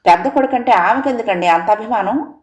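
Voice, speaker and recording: A woman's voice: a little fast, roomy sound, muffled recording, natural voice. A woman voicing a young, resentful daughter-in-law who talks back in a raised, complaining voice. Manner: sharp, raised, complaining pitch.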